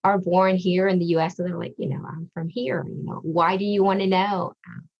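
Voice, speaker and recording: A woman from Vietnam, a social worker and therapist, giving thoughtful, measured answers in a podcast interview. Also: on the low side, fairly even intonation, gravelly, lo-fi sound. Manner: thoughtful, measured, with frequent ums.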